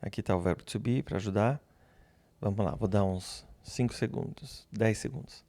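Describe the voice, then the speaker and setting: A man teaching English grammar, speaking slowly and patiently, repeating example phrases and pausing so learners can answer. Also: fairly low pitch, mellow, no room sound. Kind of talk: slow, patient classroom explanation.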